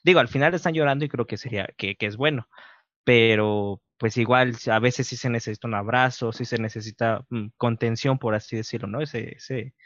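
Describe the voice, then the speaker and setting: A man's voice: medium pitch, fairly even intonation, fairly quick, fairly bright tone, no echo. A man co-hosting an interview, reflecting aloud with hesitant fillers. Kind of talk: casual podcast interview. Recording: dry, dull lo-fi sound.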